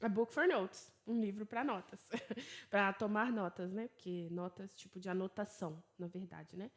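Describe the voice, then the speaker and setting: A Brazilian woman teaching English online from her laptop, with American-leaning English and Portuguese as her first language. She drills words slowly, then explains in quick, chatty Portuguese and laughs at her own slips. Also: mid-range voice.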